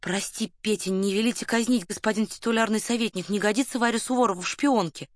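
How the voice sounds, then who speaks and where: A woman voicing a cheerful, quick-witted young woman in an audiobook. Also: medium pitch, no echo, studio quality, natural voice. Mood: lively.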